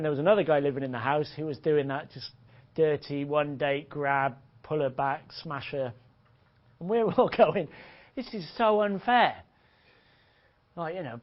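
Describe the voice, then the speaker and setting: A man giving a blunt, crude, joking seminar talk as a dating coach to a room of listeners. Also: a little high. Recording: dull lo-fi audio.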